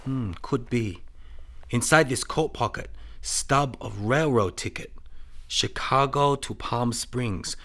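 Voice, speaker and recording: A man's voice: medium pitch, slow pace, bright, forceful tone. Man acting a clipped detective, Charlie Chan. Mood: calm, shrewd. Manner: clipped broken English, dropped articles, aphoristic. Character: shrewd Chinese detective, soft-spoken, dispensing proverbs. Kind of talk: audio drama acting of a 1930s mystery.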